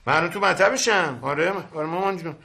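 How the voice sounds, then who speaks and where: A man's voice: a little high, vocal fry, sharp tone. A man playing a cheeky, scheming younger brother who teases in a sitcom. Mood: cheerful. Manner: teasing, scheming. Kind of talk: sitcom acting.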